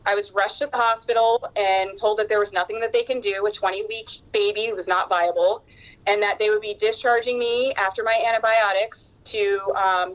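A woman's voice: mid-range voice, low-quality recording. A woman in her thirties telling a personal story in an earnest way, with frequent ums.

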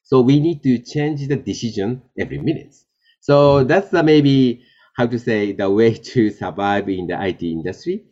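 A man from Japan, a Japanese native speaker, answering interview questions in halting English with many fillers and restarts. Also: mid-range voice, expressive, mellow. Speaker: guest, tech executive. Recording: dull lo-fi sound.

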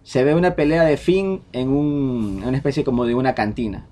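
A man, hosting a casual podcast chat, relaying leaked details in a quick, restarting way. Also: mid-range voice, dark tone. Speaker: podcast host. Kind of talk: casual group chat about film rumors.

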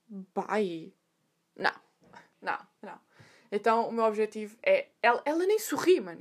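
A young woman with a European Portuguese accent, telling a story in a chatty, slangy monologue. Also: a little high. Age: young adult. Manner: chatty, animated, full of slang and asides. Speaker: podcast host.

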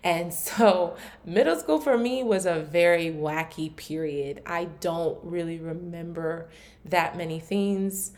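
Candid woman podcast host, lowish voice. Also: slow pace, a little mellow. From Maryland, USA. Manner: candid and reflective, with frequent "like" fillers and restarts. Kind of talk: casual solo podcast talk.

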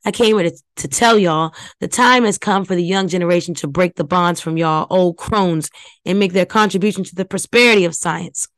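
A scheming male villain drawls slowly and smugly, read by a woman narrator. The voice sits low and sneering. The sound is dry and close. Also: a bit bright, dry recording, low-quality recording. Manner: slow, smug drawl. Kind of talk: audiobook reading.

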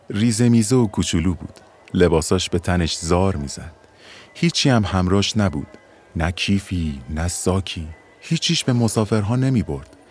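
A man's voice: low voice, darkish tone. A young man narrating a first-person audio story in a colloquial, conversational way. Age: young adult.

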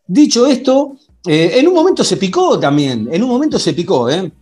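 High-voiced Argentine man hosting sports podcast. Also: big pitch swings, normal speed, darkish tone. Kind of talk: conversational football recap. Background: faint music.

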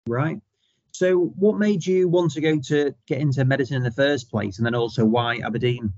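A man hosting an interview, asking relaxed, friendly questions. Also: medium pitch, moderate pace, no echo, dull audio. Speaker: podcast host. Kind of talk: casual interview.

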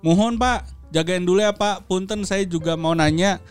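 A man's voice: high-pitched, moderate pace, clear, resonant tone, soft background music. A young man with a Sundanese accent, casually reading a listener's story on a podcast, laughing and mixing in local dialect.

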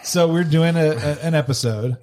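A man's voice: a little high, normal speed, warm tone, a little hiss or hum. A man co-hosting a casual podcast chat on a lavalier mic, joking and moving the show along. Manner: laughs often, jokey, leads segments. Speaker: podcast co-host.

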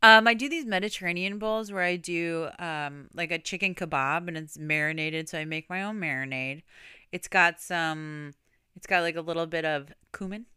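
A woman co-hosts a podcast with a playful, teasing manner. Her voice is fairly low for a woman, bright and very smooth, recorded close and dry. She laughs easily through the chat. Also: normal speed, dry recording. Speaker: podcast co-host. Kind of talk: casual chat.

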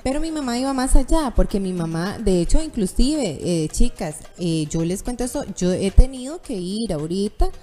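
Woman in her thirties, mellow tone, candid chat guest who acts out quotes. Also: medium pitch, normal speed, hardly any pauses, faint music behind. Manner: animated storytelling, acts out quoted voices.

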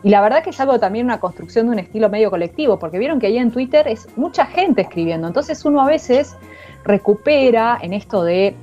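A woman's voice: fairly high pitch, animated, quick pace, dark tone, lo-fi sound, soft background music. A woman with an Argentine accent, an author talking casually about her book in an interview, slangy and thinking aloud. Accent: Argentine Spanish. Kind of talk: casual conversation.

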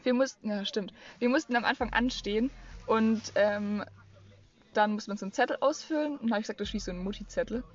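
Young woman talking fast, casual vlog chat, muffled lo-fi sound. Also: medium pitch. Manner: quick, chatty, chimes in on the other's stories. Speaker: vlogger. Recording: lo-fi dull sound, faint music.

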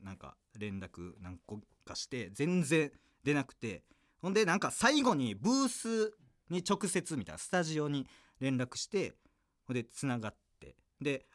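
A man with a Kansai accent, a comedian hosting a podcast, telling stories in a playful, jokey way and laughing often. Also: mid-range voice. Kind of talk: casual podcast chat.

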